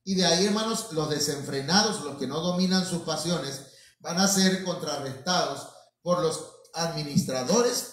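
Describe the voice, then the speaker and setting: A man preaching a sermon in a church hall, often calling his listeners brothers and restarting his words as he goes. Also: a little high. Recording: very echoey room, mic at a distance.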